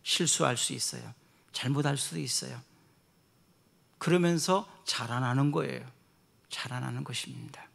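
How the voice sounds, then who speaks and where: Middle-aged male pastor, earnest sermon, swings soft to emphatic, gravelly fry. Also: medium pitch, moderate pace, long pauses.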